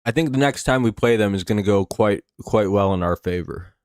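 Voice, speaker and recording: An American man with a slight lisp and a whistling s from his false teeth rambles and swears his way through casual, laid-back play-by-play and chat on a live sports stream. His voice sits fairly low and moves a little fast, with a clean tone. The recording is dry and studio quality.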